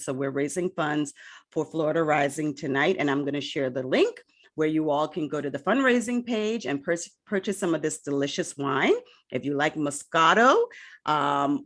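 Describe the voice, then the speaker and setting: A woman hosting a casual interview podcast, chatty and laughing easily, often adding "right?" to her points. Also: sits low. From lived in Miami. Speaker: podcast host.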